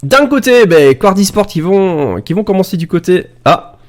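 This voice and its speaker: A man's voice: high-pitched, very animated, normal speed. A Belgian man with a Belgian French accent, casting a live esports match from a home setup into an XLR studio microphone, chatty and joking with his viewers in the chat. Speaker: esports caster. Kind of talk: live game commentary.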